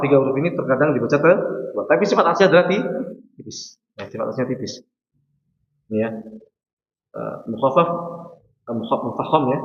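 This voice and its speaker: A man's voice: a little high, a little hiss or hum. Indonesian man teaching recitation in echoey mosque. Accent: Indonesian, Javanese. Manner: explains patiently, demonstrates sounds, quizzes students. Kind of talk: religious class lecture. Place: mosque hall. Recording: echoey, dull mosque hall recording.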